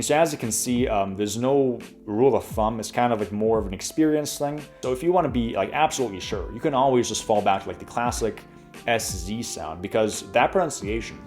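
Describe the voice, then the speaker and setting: This language tutorial host, a man in his twenties, has a fairly low, slightly mellow voice. His pronunciation lesson is casual and talkative, packed with fillers, and he shows each sound as he moves along.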